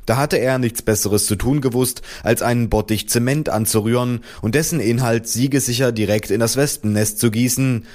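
A male reader narrates a comic first-person story in an audiobook. His delivery is dry and deadpan, with an ordinary middle pitch. He tells the story steadily. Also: moderate pace, few pauses.

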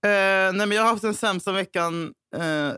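A woman's voice: mid-range voice, pushed and bright, clean tone, no room sound, clean studio sound. Podcast co-host: woman, mid-range voice, blunt and swearing, interrupts with laughs. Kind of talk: casual podcast chat.

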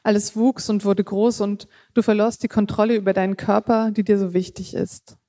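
Mellow-voiced woman reading her prose. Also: medium pitch, flat delivery, no echo, studio quality. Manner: measured reading with occasional slips and casual asides. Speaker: author reading her own text.

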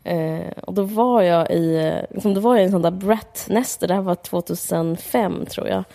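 With a lowish, dark voice marked by vocal fry, this podcast co-host talks about a book in a casual, rambling way. She's candid and mocking, and she uses plenty of fillers.

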